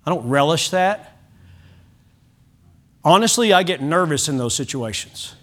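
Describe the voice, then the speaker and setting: High-voiced pastor preaching earnestly. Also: male voice, animated, measured pace, fairly bright tone. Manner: earnest preaching with repeated restarts. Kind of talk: sermon.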